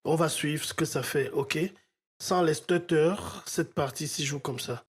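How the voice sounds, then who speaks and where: A man's voice: on the high side, unhurried, slightly rough. A man teaching audio mixing in a step-by-step tutorial, often checking in with his viewers. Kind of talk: screen-recorded software tutorial.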